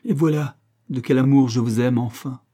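Man doing a tormented young guy confessing, husky, warm low tone. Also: steady tone, normal speed, close to an everyday voice. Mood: anguished. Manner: pleading and confessional. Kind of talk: audiobook reading.

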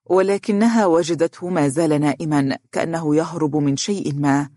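A storyteller reading an audiobook in a calm, measured way coming through in the dialogue. The voice sits at a middle pitch, and the recording is dry and close with no room sound. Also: dry recording. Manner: steady, measured narration. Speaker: narrator.

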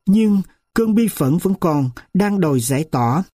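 A male audiobook narrator tells a first-person story in a measured, earnest manner. His voice is mellow and soft-edged. The recording is dry and close, with no room sound. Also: high voice, lively intonation, breathy edge, no room sound.

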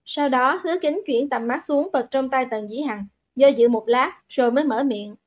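A woman narrating a novel as an audiobook, in steady, even storytelling. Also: high voice, moderate pace, muffled recording.

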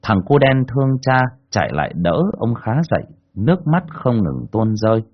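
A man narrating a folk tale in an expressive, colloquial way. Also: lowish voice, moderate pace, muffled recording. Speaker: storyteller. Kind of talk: dramatic audiobook narration.

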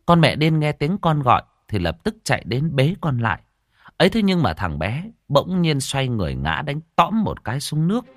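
A man narrating an emotional story in a dramatic, expressive way. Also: mid-range voice.

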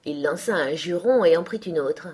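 A woman narrating a novel as an audiobook with a steady, measured delivery. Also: fairly low pitch, breathy edge. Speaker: audiobook reader.

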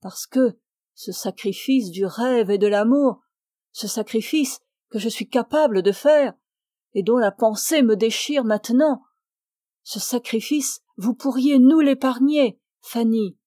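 A fervent, devout young man declares a sacred, lifelong love, voiced by a woman narrating. The delivery is slow and unhurried, the tone dark and warm. Each word is weighed with solemn conviction. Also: on the high side, dry recording, clean studio sound, lightly acted.

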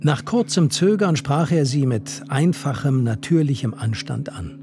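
A man's voice: medium pitch, animated, measured pace, mellow. Man reading a novel over music. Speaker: reader. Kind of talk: literary reading on radio. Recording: music underneath.

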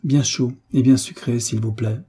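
A man reading aloud in French, voicing a stern, domineering Russian landowner who speaks in curt, commanding questions, with a husky voice. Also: mid-range voice, fairly even intonation, moderate pace, mellow.

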